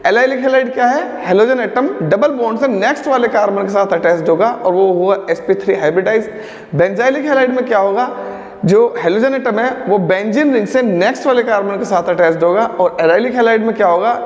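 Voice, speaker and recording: A man's voice: sits high, normal speed, lo-fi sound. A man teaching a chemistry lecture in speech, mixing English terms and playfully scolding students. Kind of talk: classroom lecture. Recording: echoey room with long reverb.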